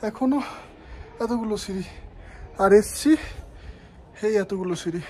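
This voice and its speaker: A travel vlogger chats casually with his viewers, dropping tips as he moves between the car and outdoor sightseeing spots. His voice is high-pitched and his pace moderate. He holds the phone himself, and the recording picks up loud road and outdoor noise.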